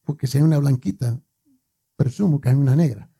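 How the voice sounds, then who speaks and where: A man's voice: mid-range voice, fairly quick, creaky, dark tone, husky. A male preacher giving a conversational sermon, repeating words for emphasis and joking with his congregation.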